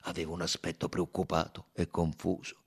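A man narrating an audiobook with expressive, sweeping intonation. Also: low-pitched, brisk, breathy edge. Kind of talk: scripted narration.

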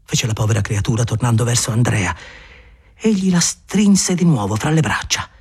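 A man narrating a classic novel as an audiobook, with an expressive, dramatic delivery. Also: medium pitch, moderate pace, slightly rough.

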